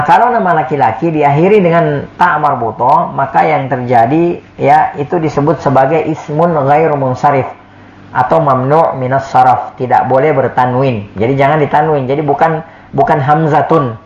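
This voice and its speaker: A man teaching Arabic in a classroom lesson, explaining patiently, repeating words and often checking with "ya". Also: on the high side. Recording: echoey, dull lo-fi room recording.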